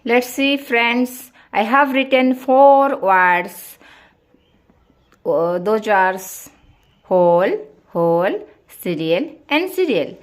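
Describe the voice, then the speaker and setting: A young woman teaching an English lesson. She spells words out letter by letter and asks her class questions, then answers them herself. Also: on the high side.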